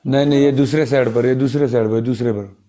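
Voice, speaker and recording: A man's voice: medium pitch, fairly even intonation, a little fast, warm tone. A man vlogging casually, giving repeated bossy directions for a phone photo.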